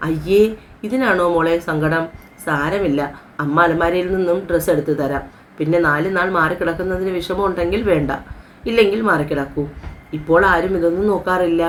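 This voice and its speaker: A woman's voice: on the low side, brisk, slight background noise, lightly acted. A woman reading as a kind older mother-in-law. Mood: soothing. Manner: warm comforting.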